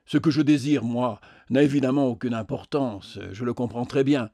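A man's voice: mid-range voice, steady tone, moderate pace, dark tone, no room sound, close to an everyday voice. A man voicing an offended middle-aged man who sulks with wounded dignity in an audiobook. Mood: huffy. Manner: huffy, self-pitying.

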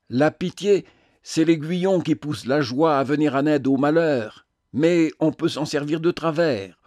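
A man voicing a gentle, loving woman who pleads tenderly and earnestly. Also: on the high side, no room sound, clean studio sound, close to an everyday voice.

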